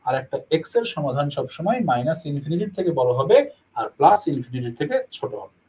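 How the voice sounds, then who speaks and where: A man's voice: on the high side, animated, fast talker, mellow, husky, rough recording. A man teaching a math lesson, explaining step by step and answering his own questions.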